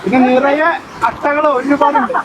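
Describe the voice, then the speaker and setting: A woman's voice: high-pitched, fairly even intonation, moderate pace. A woman casually vlogging to viewers, mixing English words into her Malayalam. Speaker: travel vlogger. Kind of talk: casual spoken vlog commentary. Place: outdoors on a trek. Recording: very noisy outdoor trail recording.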